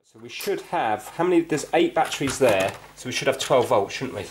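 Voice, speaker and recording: Working indoors on a wooden floor, this man narrates his amateur repair video casually, reasoning aloud and frequently double-checking himself with questions. He speaks a little fast in an expressive, medium-pitched voice, with faint music behind and a clicky, noisy room sound.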